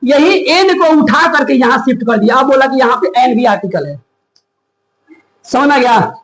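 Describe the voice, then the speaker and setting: Animated high-voiced man teaching a class. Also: normal speed, echoey room, rough recording. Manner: questions the class often, animated. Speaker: English grammar teacher. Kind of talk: classroom lecture.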